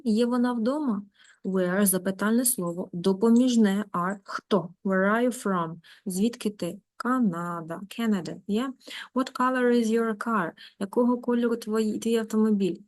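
A woman's voice: mid-range voice, darkish tone. A middle-aged woman teacher giving an online lesson, reading short English examples and explaining each one in her own language.

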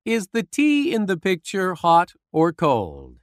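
Very slow, animated woman teaching toddlers. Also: fairly low pitch. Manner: simple deliberate teaching, as if reading to a toddler. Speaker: phonics teacher narrator. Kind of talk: slow instructional narration for young children.

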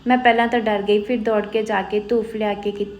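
A woman voicing a stubborn older village aunt who is in pain, speaking in a strained, husky voice. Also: medium pitch, little pitch movement, a little fast, darkish tone, faint music behind, lightly acted.

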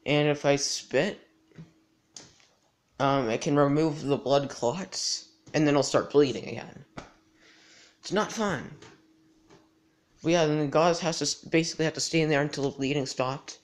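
A teenage boy with a slightly high voice talks casually to a handheld camera indoors. His delivery halts and rambles, and his speech is a little restricted by a sore mouth after dental surgery. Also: normal speed. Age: teens. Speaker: gaming channel host. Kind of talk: casual vlog chat to camera. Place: indoors in a house. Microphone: handheld device at arm's length.

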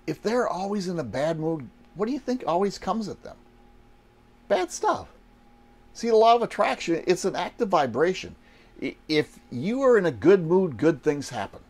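A man's voice: high voice, big pitch swings, normal speed, a little mellow. A man, giving a folksy motivational talk to camera inside a small RV trailer. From Wisconsin, United States. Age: 60s. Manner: folksy, asks and answers rhetorical questions. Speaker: online business coach.

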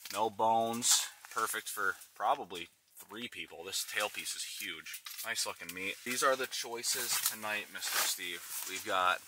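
Low-voiced young man in a noisy tent. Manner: excited, worn-out outdoorsman talking to camera. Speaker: fishing vlogger. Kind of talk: casual vlog narration. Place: inside a tipi hot tent in a forest. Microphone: handheld camera. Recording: noisy outdoor camera audio with sizzling pan.

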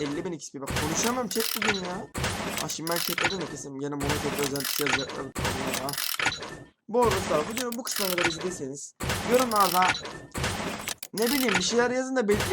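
A young man giving casual, rambling gameplay commentary to his viewers, talking very fast. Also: high-pitched. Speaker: gaming YouTuber. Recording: loud background noise.

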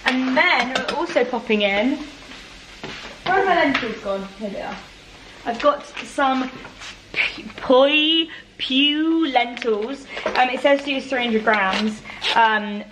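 In an echoey home kitchen, with dishes clattering and background noise around her, a British woman in her 20s casually vlogs her cooking and trades slangy banter. Her voice is a little high and her pace measured; the camera sits on the counter.

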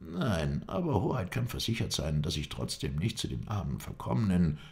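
A man's voice: deep voice, sing-song, moderate pace, gravelly, a little mellow, pitched above the performer's own voice, exaggerated voice. A man voicing a fawning, eager male house watchman who is keen to please.

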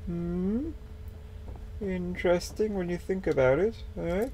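A man's voice: high-pitched, slow pace, dark tone, slight background noise. A young man chatting casually through a let's-play, swearing mildly and talking to the game's characters. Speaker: gaming video host.

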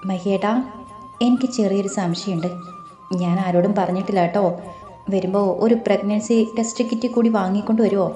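Lady reading as a bashful young wife, soft quiet voice, mellow tone, echoey room w faint music. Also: medium pitch, fairly even intonation, fairly quick, natural voice. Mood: shy. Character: young wife, shy and excited.

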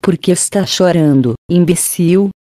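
A woman narrator puts on a haughty, hot-tempered young mistress from an audiobook, scornful and snapping. Her voice sits low and mellow, recorded close and dry. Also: a little slow, no echo, close to an everyday voice. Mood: furious.

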